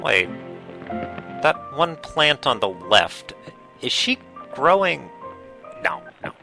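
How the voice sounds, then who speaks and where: A man's voice: mid-range voice, big pitch swings, slow pace, gravelly. Wisecracking man riffing over a movie. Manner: sarcastic, wisecracking quips. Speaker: movie riffer. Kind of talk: comedic riff commentary over a film. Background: film soundtrack music.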